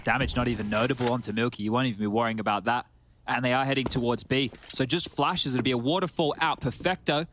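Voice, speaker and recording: Male esports caster, analyst seat: very quick delivery, mid pitch, faint background noise. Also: steady tone, a bit bright. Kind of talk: analytical esports match commentary.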